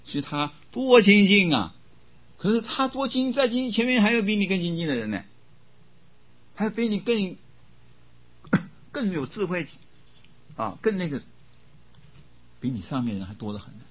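An older man giving a Buddhist dharma talk as teacher, often coughing and clearing his throat, repeating words as he goes. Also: high-pitched. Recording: dull lo-fi recording.

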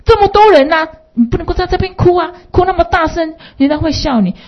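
Woman doing a high fretful scolding mother. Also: quick pace, a little hiss or hum. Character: fretful mother scolding her crying child. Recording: dull lo-fi recording.

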